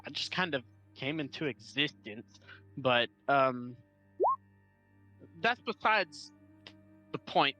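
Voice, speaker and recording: A man's voice: mid-range voice, animated, takes it slowly, long pauses, pushed and bright, muffled recording. A man playing a tabletop role-playing game, improvising casually and thinking aloud in a hesitant way. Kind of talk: casual in-character improvised chat. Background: music.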